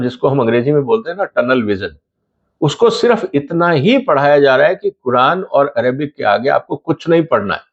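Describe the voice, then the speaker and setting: Middle-aged male commentator, questioning and rhetorical, mid-range voice, dull lo-fi recording. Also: medium pitch. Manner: rhetorical, questioning, addresses viewers as friends. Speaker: channel host, commentator. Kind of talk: explanatory commentary to camera.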